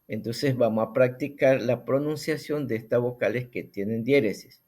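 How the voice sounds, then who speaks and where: A man teaching a recorded language lesson, speaking slowly and deliberately and repeating sounds for the listener to practice. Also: mid-range voice, darkish tone.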